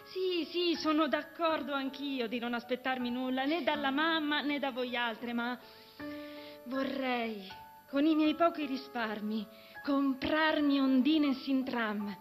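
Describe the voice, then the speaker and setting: A woman's voice: high voice, slow, faint music behind. A woman voicing a fiery, tomboyish teenage girl who talks in an impassioned, outspoken way. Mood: wistful.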